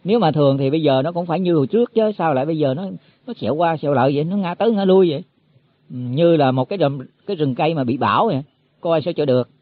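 A man's voice: fairly high pitch, expressive, very fast, dry recording. A man giving a Buddhist sermon to monks, explaining in a folksy way and repeating his words as he goes. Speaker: Buddhist teacher. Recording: tinny phone-like, dry.

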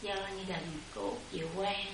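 A woman's voice: medium pitch, steady tone, moderate pace. A woman disciple politely asking her teacher long, winding questions about preparing books for print. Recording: distant mic, hiss, echoey room.

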